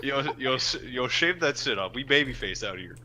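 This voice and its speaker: A man's voice: medium pitch, expressive, normal speed. A young man in casual group chat on a podcast, joking and swearing freely. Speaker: podcast host. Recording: noisy live stream audio.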